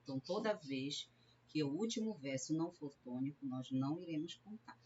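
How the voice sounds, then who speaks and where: A woman from Brazil lectures on literature in a low voice, with many tag questions that check the class is following. She breaks words into syllables slowly and patiently. The recording is a little muffled, with a faint hiss underneath. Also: a little mellow. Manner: explains step by step, often adds a questioning "né?"; sounds out syllables slowly when counting verse. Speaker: literature teacher.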